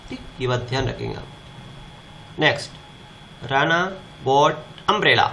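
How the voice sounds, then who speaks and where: A man's voice: medium pitch, unhurried, vocal fry, bright, forceful tone, a little hiss or hum. A man teaching a grammar lesson, asking the class questions and answering them himself.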